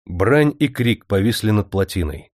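A man's voice: on the low side, no echo. Male audiobook narrator, dry close voice. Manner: steady, measured storytelling. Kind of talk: scripted narration. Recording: dry studio audiobook recording.

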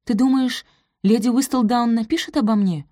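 A woman voicing an excitable young woman in love. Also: moderate pace, no echo, clean studio sound, natural voice. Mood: eager. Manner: breathless, high exclamations.

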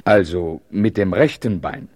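A patient, world-weary king in a radio play, with a deep, slightly husky voice recorded close and dry. He speaks calmly, like someone used to soothing complaints. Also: unhurried, no echo, full character voice. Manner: calm and patient, soothing a fretful companion.

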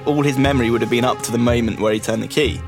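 A man's voice: mid-range voice, steady tone, racing, music in the background. Blunt male co-host, dismissive. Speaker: podcast co-host. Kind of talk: casual chat.

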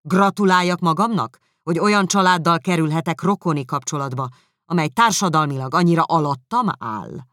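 Darcy, a reader voicing a cold proud gentleman. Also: mid-range voice, dry recording, clean studio sound, lightly acted. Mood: haughty. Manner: cool, haughty, measured. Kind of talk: audiobook character reading.

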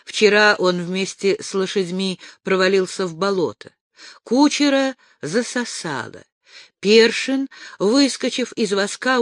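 An audiobook narrator reading a folk tale in an expressive storytelling manner. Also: mid-range voice, dry recording, studio quality. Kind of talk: scripted narration.

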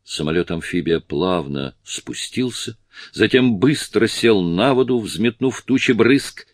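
A man reading a novel aloud in steady, measured audiobook narration. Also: on the low side, no room sound, clean studio sound. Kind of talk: scripted narration.

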